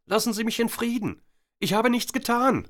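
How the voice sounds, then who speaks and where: A man voicing a frightened young woman, raising his voice high and strained. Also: expressive, normal speed, a bit bright.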